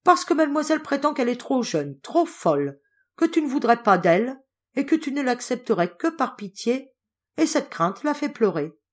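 A woman's voice: sits high, big pitch swings, normal speed, pitched above the performer's own voice. A woman doing a hearty old general. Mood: jovial. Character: old Russian general, loving, blustering grandfather.

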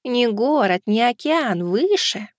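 A woman voicing a small floating cat girl spirit in an audiobook, speaking in slow, halting fragments. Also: a little high, animated, no room sound, studio quality. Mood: dreamy. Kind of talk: audiobook character voice.

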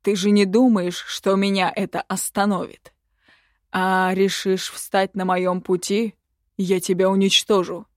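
A woman voicing a domineering, cruel male emperor who gives slow, loud, imperious commands. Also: medium pitch, little pitch movement, no room sound, clean studio sound, natural voice.

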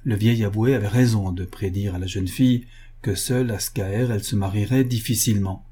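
Man with a warm husky reading voice. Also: on the low side, fairly even intonation, fairly quick. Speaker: audiobook narrator. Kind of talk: literary audiobook narration.

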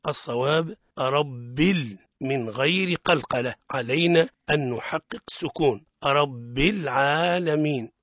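A man's voice: fairly high pitch, fairly bright tone, dry recording. A man teaching the rules of Quran recitation on a radio lesson, pointing out mistakes and then modelling the correct pronunciation. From Tunisia. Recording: dull lo-fi radio sound.

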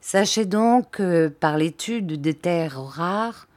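A woman reading aloud who voices an excitable young English male inventor, exclaiming in loud, feverish outbursts. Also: on the low side, extremely slow, no room sound.

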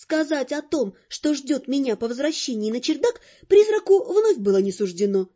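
Reading an audiobook in the first person at normal speed, a high-voiced woman sounds lively and expressive. Faint music sits under her voice in a dull, lo-fi recording.

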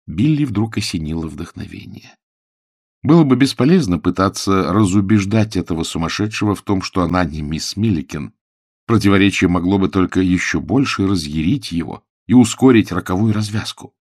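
Male storybook narrator, low-pitched, animated, recorded close and dry. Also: normal speed, dry recording. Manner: expressive, animated reading. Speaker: audiobook narrator. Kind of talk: scripted narration.

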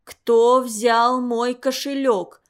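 Storybook part: slow, hoarse, menacing old warden woman, read by a woman. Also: on the high side. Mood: furious. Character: furious old woman boarding-house warden.

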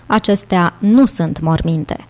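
A prickly young altar boy answers curtly, full of suspicion, as a woman narrator puts him on. The voice is slightly raised from her usual low, mellow tone. It sounds like an audiobook reading. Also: lightly acted. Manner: curt, suspicious.

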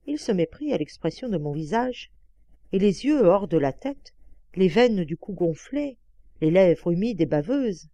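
Slow warm woman reading a novel. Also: lowish voice, very animated, no echo. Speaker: audiobook reader. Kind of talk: first-person novel narration.

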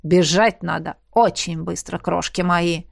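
A woman voicing a gruff, burly male academy coach who barks orders at his students. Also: lowish voice, fairly even intonation, unhurried, no echo, studio quality, pitched below the performer's own voice. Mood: lecturing. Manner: barking commands, shouting. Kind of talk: audiobook character voice.

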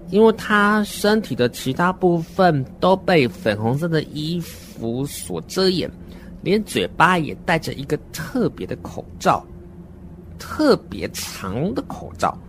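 In a horror radio drama, an adult performer with a medium-pitched voice plays a naive, uneasy, wordy seven-year-old who narrates earnestly and dramatically. There's a slight hiss or hum.

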